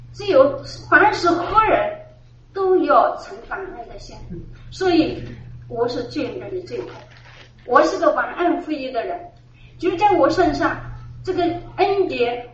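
A middle-aged woman with a high voice gives an earnest church testimony, circling back to the same phrases and laughing now and then. She sounds far from the mic in a roomy space, and the recording is dull and muffled. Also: slight background noise. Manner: earnest, repeats phrases, laughs while telling. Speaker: church member giving testimony. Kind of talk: personal religious testimony. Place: church gathering. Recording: echoey, distant, dull room recording.

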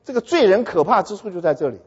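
A man preaching a sermon in a lively storytelling way, with a high, somewhat husky voice. He keeps turning to his listeners with questions. The dull, lo-fi audio carries a long hall reverb. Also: quick pace. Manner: animated storytelling with questions to the audience. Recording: echoey hall, dull lo-fi sound.

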